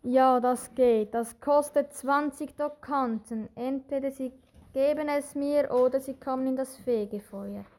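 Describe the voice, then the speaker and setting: Woman as high-voiced stern indulgence seller. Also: unhurried, darkish tone. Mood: stern, businesslike. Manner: declarative, stern. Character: stern medieval seller of indulgences, businesslike and threatening. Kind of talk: amateur audio play.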